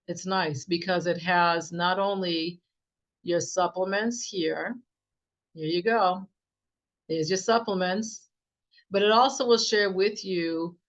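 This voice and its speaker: A woman giving a casual, enthusiastic software demo as a naturopath, with many fillers and restarts and a slightly strained voice. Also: medium pitch. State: slightly losing her voice. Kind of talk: casual screen-share product demo. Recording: dull, muffled sound.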